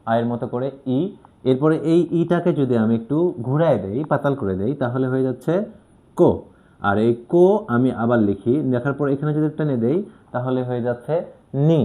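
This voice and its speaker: Casting note: male teacher, mellow tone, patient and methodical, explaining while writing. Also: medium pitch. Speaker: Japanese language teacher. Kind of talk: explaining a lesson step by step.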